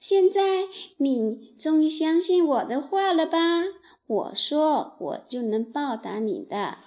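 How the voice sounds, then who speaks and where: A woman's voice: high-pitched, lively intonation, slow pace, a little mellow, highs cut off, voice pushed up. A woman voicing a tiny timid mouse in a children's story, stammering and trembling. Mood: pleased.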